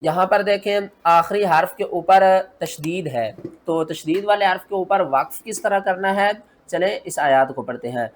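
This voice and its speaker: A man teaching Quran recitation rules, explaining each rule patiently step by step and then reciting the examples slowly. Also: high-pitched.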